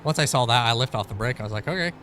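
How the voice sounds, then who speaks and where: A man with a mid-pitched voice talks casually as he drives in a racing game. He thinks aloud in a blunt, mildly sweary way, and car noise is clearly audible behind him. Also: expressive, racing, pushed and bright. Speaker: sim racing driver and streamer. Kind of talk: casual gameplay chat while driving. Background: car engine noise.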